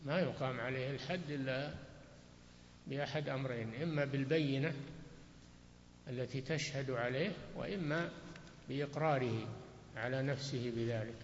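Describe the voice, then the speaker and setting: A man's voice: medium pitch, normal speed, long pauses, slight background noise. A man answering religious questions in a lecture, giving brief and firm rulings. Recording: dull echoey hall recording.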